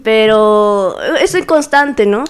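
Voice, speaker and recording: A young woman chats casually as a guest, her voice sitting a little high. She tells stories with energy and breaks into quoted dialogue. She laughs often. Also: very slow, clear, resonant tone. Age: young adult. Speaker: guest musician, violist. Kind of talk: casual chat, storytelling.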